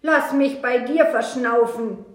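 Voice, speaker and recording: A woman's voice: a little high, takes it slowly, roomy sound. A woman voicing a cold red fox in a rhymed children's story, growling and pleading. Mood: grumbling.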